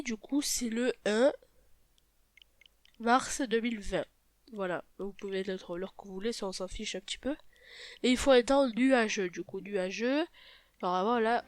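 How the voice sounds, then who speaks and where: Her nose is blocked from a cold, so this woman's medium-pitched voice comes out nasal and stuffy, with no echo. Hosting a YouTube gaming video, she walks through a tutorial casually and hesitantly, apologizing and correcting herself often.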